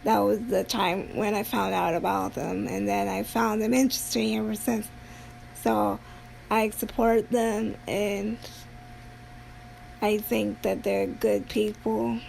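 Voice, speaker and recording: A woman streamer chatting casually on a livestream in a halting way, often pausing mid-sentence. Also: medium pitch, level tone, vocal fry, darkish tone, slight background noise, low-quality recording. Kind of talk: casual rambling livestream talk.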